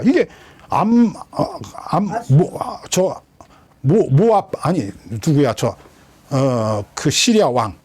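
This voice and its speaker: A man preaching an expository sermon as a pastor, questioning his listeners and acting out quoted lines. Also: fairly high pitch. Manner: lively, questioning the congregation, dramatic quoted voices.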